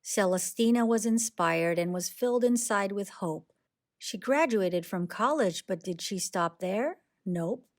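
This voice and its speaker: In an expressive, deliberate storytelling style, a woman with a medium-pitched voice reads a rhyming children's picture book aloud.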